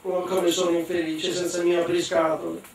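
A man's voice: sits high, completely flat delivery, a little fast, darkish tone. A man voicing a big, clumsy, weepy male ogre who is always hungry, whiny and blustering, at a bookshop reading. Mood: whining. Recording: echoey room from a distant mic.

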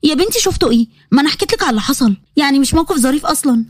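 A woman's voice: high voice, animated, very fast, no room sound, studio quality. A woman doing a shy Egyptian girl student. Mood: earnest. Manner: polite, earnest, a bit flustered. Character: modest, shy young female student.

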